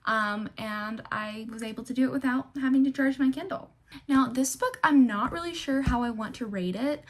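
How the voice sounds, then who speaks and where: Higher-voiced woman with a slight retainer lisp. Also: moderate pace. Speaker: book vlogger. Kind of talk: casual book review to camera.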